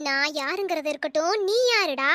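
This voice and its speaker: A woman voicing a sharp-tongued, suspicious older mother-in-law in a cartoon, talking in accusing, wailing scolds. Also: normal speed. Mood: scolding. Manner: shrill, accusing, wailing complaints. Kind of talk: cartoon voice acting.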